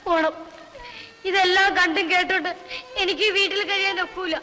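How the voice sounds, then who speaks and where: A woman's voice: extremely high pitch, fairly even intonation, normal speed, sharp tone. A tearful, wronged young woman. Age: young adult. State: crying. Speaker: film character. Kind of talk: 1960s film acting. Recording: old film soundtrack with music.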